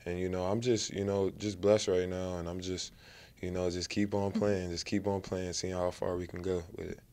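A young male college player with a very deep, smooth voice that stays flat and level. He talks in a relaxed way, leaning on "you know" between phrases. A handheld mic is held close to him in front of a press backdrop. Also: normal speed. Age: young adult. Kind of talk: post-game interview. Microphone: handheld mic held by interviewer.

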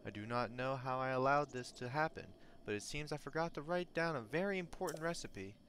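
A man reading a lonely old hermit's lines in a slow, earnest, theatrical voice. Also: medium pitch, fairly bright tone, faint music behind, lightly acted. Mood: wistful. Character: lonely old male hermit, gentle and wistful. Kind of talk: reading game dialogue in a put-on voice.

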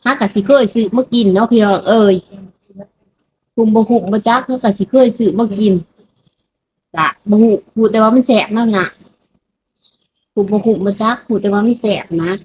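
A woman's voice: on the high side, darkish tone, low-quality recording. A woman from Laos with a Lao accent, chatting casually to her viewers in a food vlog and keeping up a friendly running talk. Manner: chatty, keeps addressing viewers as brothers and sisters. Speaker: vlogger.

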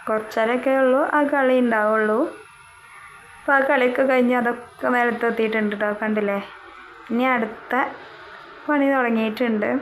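A young woman talks through her daily chores in a relaxed, chatty voice-over, her voice sitting a little high. She keeps tagging a small word onto the end of her sentences. A faint household hum sits behind her. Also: normal speed, pauses often, rough recording. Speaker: vlogger.

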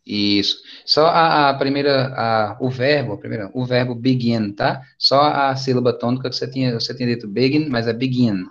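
Over a video call, a man with a Brazilian Portuguese accent teaches an English class, casually patient and encouraging. His medium-pitched voice is steady and slightly bright, moving briskly with few pauses. The online class audio is dull and lo-fi.

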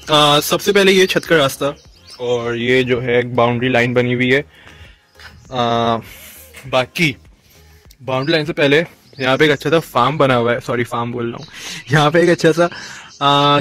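A man's voice: mid-range voice, a little slow, soft background music. A young man from Pakistan with an Urdu accent, talking casually as a vlogger with friends and touring a place. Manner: excited, shouting and laughing with friends; chatty walkthrough tour. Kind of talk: casual group vlog.

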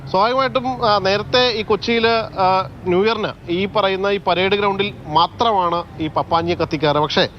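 A man with a Kerala accent reporting live as a TV field reporter, pausing often on drawn-out fillers. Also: high-pitched. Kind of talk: live news report and street interviews. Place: outdoors at a festival ground. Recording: dull outdoor audio, loud street noise.

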